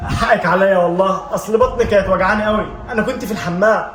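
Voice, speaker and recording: A man playing a gentle Egyptian dad, rapid high voice. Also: noisy background, natural voice. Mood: calm. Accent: Egyptian Arabic. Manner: soft, apologetic and reassuring. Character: gentle, worried Egyptian father running errands. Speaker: father in a family skit. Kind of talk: amateur family skit acting. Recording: music playing behind.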